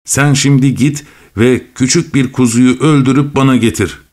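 A man's voice: mid-range voice, fairly even intonation, normal speed, close to an everyday voice. A man voicing a clever, determined cat in a storybook reading, urgent and commanding.

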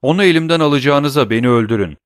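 A man's voice: mid-range voice, lively intonation, quick pace, no room sound, clean studio sound, voice pushed up, close to an everyday voice. A man voicing a desperate, greedy captive banker in an audiobook, pleading and agitated.

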